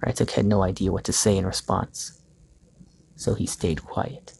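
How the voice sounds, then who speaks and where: A man reading a story aloud as its narrator in a steady, even way, with a gravelly voice. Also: low-pitched, normal speed, slight background noise. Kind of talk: scripted narration.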